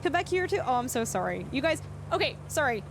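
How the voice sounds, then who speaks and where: Her voice is high, gravelly, and quick, swinging widely in pitch as music plays in the background. A native English speaker from Canada, she livestreams a game and chats loosely with viewers, rambling, restarting sentences, and laughing readily.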